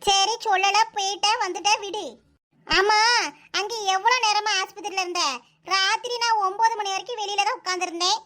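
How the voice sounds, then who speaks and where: A woman voicing a sharp-tongued, proud old mother-in-law in a comic cartoon, nagging and sarcastic, with a Kanyakumari Tamil accent. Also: very high voice, fairly even intonation, normal speed. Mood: scolding.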